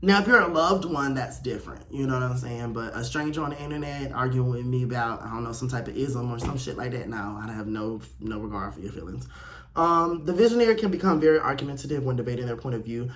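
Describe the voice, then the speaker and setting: A man hosts a casual solo podcast, reading a quiz aloud and reacting candidly and sassily, with playful swearing. His mid-range voice is a bit bright, quick-paced, and lively in intonation.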